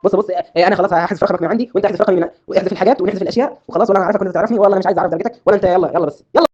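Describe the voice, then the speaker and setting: A man's voice: high voice, fairly even intonation, racing, a little mellow, lo-fi sound. A man with an Egyptian Arabic accent, exasperated and insistent, in a comedic skit.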